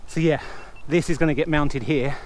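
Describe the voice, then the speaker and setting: A man's voice: a little high, steady tone, normal speed, a little hiss or hum. A man, filming himself in a garage and then on a bike, talking to the camera in a chatty, self-mocking way. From England. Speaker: vlogger. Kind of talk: casual self-filmed vlog commentary. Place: garage, then outdoors cycling on roads. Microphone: action camera mounted on bike and chest.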